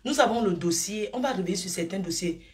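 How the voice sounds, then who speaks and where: A woman's voice: mid-range voice, fast talker. Middle-aged woman streamer, gushing and rambling, drifting between affectionate asides and gossip. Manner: effusive, calls viewers endearments, drifts between topics. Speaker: live streamer. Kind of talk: rambling live-stream chat.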